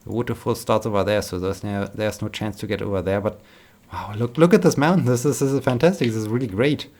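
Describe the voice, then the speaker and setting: A man's voice: lowish voice, quick pace, a little mellow. Tired, rambling man chatting while gaming. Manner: rambling, repeats words, tired but upbeat. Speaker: gaming vlogger. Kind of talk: casual chat while playing.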